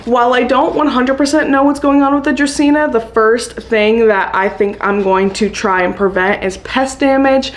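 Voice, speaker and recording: A woman's voice: fairly high pitch, normal speed, hardly any pauses, slight background noise. Chatty upbeat woman plant vlogger. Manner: chatty, upbeat, laughs often. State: hiccuping. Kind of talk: casual chat to camera.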